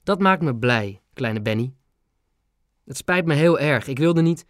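A man's voice: fairly high pitch, expressive, a little slow, no echo, studio quality. A man voicing an elderly grandmother who is devoted to her grandson. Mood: tender. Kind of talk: audiobook character voice.

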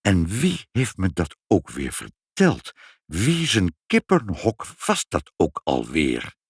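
A man acting out a good-natured old Saint Nicholas, deep and a little husky, drawing out every word. He muses slowly, with a gentle, grandfatherly weight. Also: wildly swooping pitch, no echo, clean studio sound, exaggerated voice. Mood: musing. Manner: slow, deliberate, musing. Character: kindly old Saint Nicholas, slow and ponderous.

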